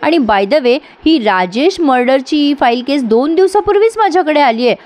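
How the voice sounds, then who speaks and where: A woman's voice: high voice, expressive, normal speed, darkish tone, pitched above the performer's own voice. Woman reading a smug young husband, sarcastic, triumphant. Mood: mocking. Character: confident young husband, mocking.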